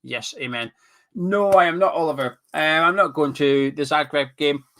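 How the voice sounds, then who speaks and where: Speaking at a moderate pace in a slightly high, somewhat bright voice, this Scottish streamer chats on webcam and reads out comments from viewers. A cold leaves him stuffy and sniffling, and he jokes with chat and wanders off topic.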